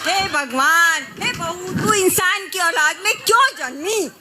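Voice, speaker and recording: A woman's voice: very high voice, expressive, a little slow, background noise. A woman playing a bossy, nagging mother-in-law in an amateur comedy skit, scolding and wailing melodramatically.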